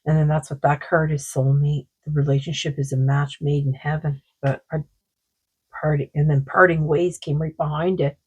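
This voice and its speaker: A woman doing a tarot card reading, talking in a slow, meandering way, her throat sore. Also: sits low, flat delivery, a little mellow, husky, rough recording. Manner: slow, meandering, full of likes and you-knows. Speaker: psychic card reader.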